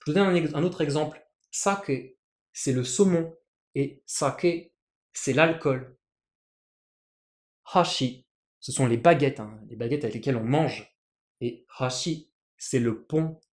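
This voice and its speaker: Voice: medium pitch, moderate pace, a little mellow. Patient Japanese teacher in an echoey room. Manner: patient, repeats words and restarts phrases. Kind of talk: explanatory lesson with written examples.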